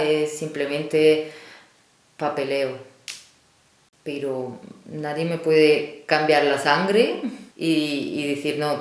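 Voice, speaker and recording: A woman in her forties from Ukraine, a non-native speaker telling her life story in an interview, hesitant with frequent fillers. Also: low voice. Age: 40s. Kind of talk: personal storytelling. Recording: very echoey room.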